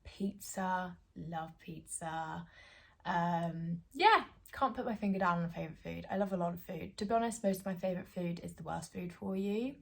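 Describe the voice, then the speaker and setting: A woman's voice: lowish voice, normal speed, vocal fry. A woman, chatting casually to her phone camera at home with plenty of fillers and giggles. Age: 20s. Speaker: vlogger.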